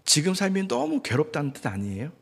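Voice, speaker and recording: A male pastor preaching a sermon in an animated way, acting out quoted speech. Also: a little high, fairly quick, creaky, breathy edge. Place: church sanctuary. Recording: church hall reverb.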